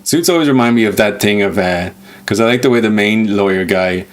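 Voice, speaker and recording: A man co-hosting a casual chat, telling animated stories and slipping into impressions. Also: on the low side, a little fast. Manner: animated storyteller, slips into impressions, laughs often. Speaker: podcast co-host.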